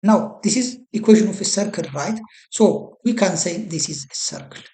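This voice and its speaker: Halting tutorial presenter in an echoey room. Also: medium pitch, creaky, mellow. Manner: halting, searches for words, repeats "some kind of"; self-correcting mid-phrase. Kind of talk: screen-recorded software walkthrough.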